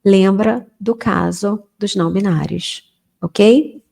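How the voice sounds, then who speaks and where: A woman whose first language is Portuguese, teaching a casual beginner English lesson and reading English example sentences slowly. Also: medium pitch, gravelly, warm tone. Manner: chatty, informal, slows down to model English sentences.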